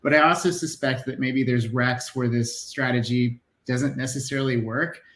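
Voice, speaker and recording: A man hosting a webinar Q&A over a video call, asking questions in a friendly, slightly halting way. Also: mid-range voice, steady tone, a bit bright, reverberant, slight background noise. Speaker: webinar host.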